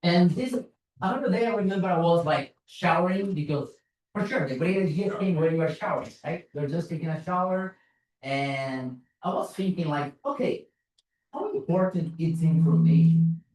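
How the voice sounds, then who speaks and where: Speaking as a security consultant at a conference, this Brazilian man keeps things casual and self-deprecating, with frequent "like" and "you know," in a Brazilian Portuguese accent. His voice runs on the high side, animated and darkish, at a normal speed. The large conference room echoes, and he is heard from a distance.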